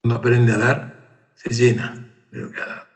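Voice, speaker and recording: Here a man with a medium-pitched voice and moderate pace is the interview guest, recounting a story in conversation. He brings it to life by acting out the characters' shouted calls.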